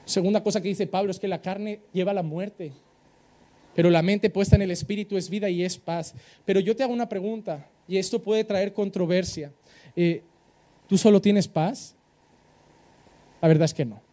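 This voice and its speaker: A male pastor with a Spain Spanish accent, preaching a sermon in an animated way and acting out the voices of the people he quotes. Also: sits high, normal speed, pauses often.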